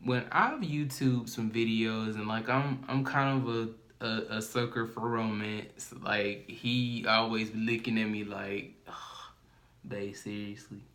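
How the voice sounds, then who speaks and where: Slow-talking man co-hosting a podcast. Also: fairly low pitch, a bit bright. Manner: slow, thoughtful, hedging with many fillers. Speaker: podcast co-host. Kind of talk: casual chat.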